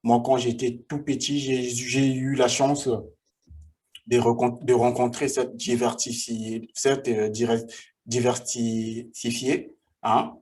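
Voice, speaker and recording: In a vlog, a man in his forties from the Republic of the Congo recounts his own life story, often halting and repeating himself. His voice is medium in pitch, slightly mellow, and delivered flatly.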